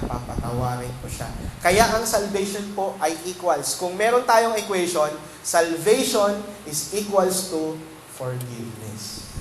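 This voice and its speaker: A Filipino man preaching as a pastor, often asking the congregation questions and mixing English phrases into his talk. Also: sits high. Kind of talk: sermon. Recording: echoey room with background noise.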